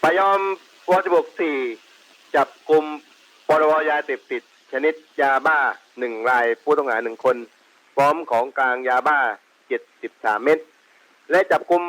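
Give me a slightly high-voiced officer over a walkie-talkie, reading a report in short clipped bits. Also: male voice, a bit bright, rough recording. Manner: clipped, with pauses between phrases. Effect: heard over a walkie-talkie. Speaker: police officer reporting by radio. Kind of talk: clipped formal radio report.

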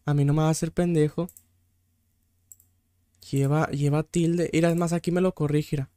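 Mexican guy streamer, smooth voice, close dry mic, mutters and curses through a quiz. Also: on the high side, little pitch movement, moderate pace, mellow, no echo. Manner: thinks aloud, swears freely, easily exasperated. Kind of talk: casual gameplay commentary.

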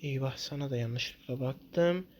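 A man giving casual gameplay commentary to his viewers, jittery and quick to swear in sudden loud outbursts. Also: mid-range voice, slight background noise. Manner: talks straight to viewers as "guys". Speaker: gaming channel host.

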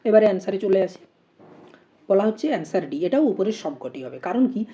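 Woman teacher, warm and mellow tone, methodical explainer who asks rhetorical questions before each answer. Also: mid-range voice, sing-song, a little fast. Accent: Bengali. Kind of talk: exam-prep lesson.

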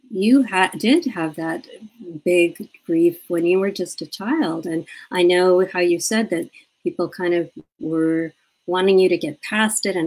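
A woman hosting a live video-call interview in a relaxed, conversational way. Her voice sits slightly low. She laughs easily and slips into little quoted voices as she tells stories. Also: poor audio. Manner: chatty, laughs often, acts out childhood quotes.

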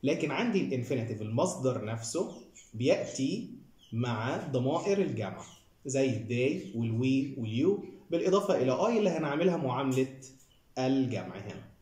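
A man's voice: medium pitch, darkish tone, echoey room. A man with an Egyptian Arabic accent teaching an English grammar lesson, explaining each rule step by step and speaking directly to his viewers.

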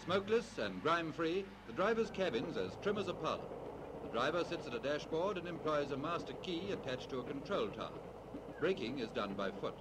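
Old British newsreel narrator, lively high-pitched man. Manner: old newsreel narrator delivery, brisk and promotional. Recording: old 1940s newsreel soundtrack. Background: loud background music.

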